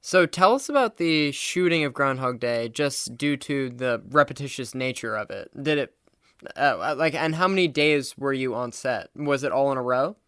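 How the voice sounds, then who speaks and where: A man's voice: mid-range voice, animated, moderate pace, fairly bright tone, smooth, dry recording, studio quality. A young male podcast co-host casually asking a guest hesitant questions. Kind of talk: casual chat.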